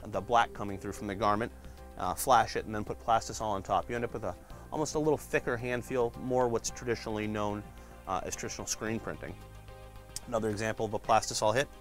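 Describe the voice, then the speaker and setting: A man with a fairly low voice walks visitors through a print shop's department, chatting casually as he shows off shirts. He pauses often with fillers, and faint music plays underneath. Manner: relaxed, frequent "uh" fillers, explains while flipping through shirts. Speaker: print shop department guide. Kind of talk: casual walkthrough showing products.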